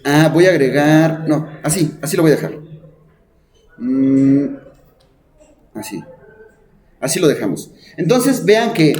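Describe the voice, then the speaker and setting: A man's voice: on the high side, darkish tone. Man teaching math to a class. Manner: thinks aloud at the board, asks the class, fills with "este". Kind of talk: classroom lecture.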